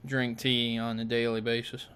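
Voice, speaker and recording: A young man co-hosting a casual podcast chat, trading deadpan teasing jokes with his friend. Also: medium pitch, normal speed, smooth. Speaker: podcast co-host.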